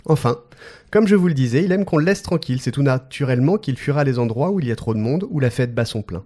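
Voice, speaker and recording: A man's voice: medium pitch, animated, fast talker, mellow. A man hosting a podcast, reading out a guest introduction with playful joking asides and frequent laughter. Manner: playful, often breaks into laughter. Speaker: podcast host.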